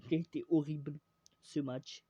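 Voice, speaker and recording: A man's voice: a little high, fairly even intonation, normal speed, warm tone, slightly rough, dry recording, highs cut off. A young man from France rambling through a casual football vlog, hesitant and full of fillers and restarts, teasing and opinionated. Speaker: vlogger.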